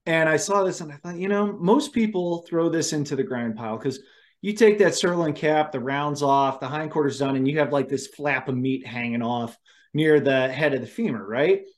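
A man's voice: fairly high pitch, normal speed. Upbeat man telling hunting kitchen stories. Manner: animated storyteller, laughs often. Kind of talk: casual conversation.

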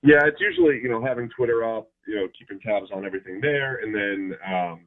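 A man calling in as a guest football analyst, talking in a relaxed way with many fillers. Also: lowish voice, fairly quick. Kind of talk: phone-in interview. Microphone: phone. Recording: tinny phone line.

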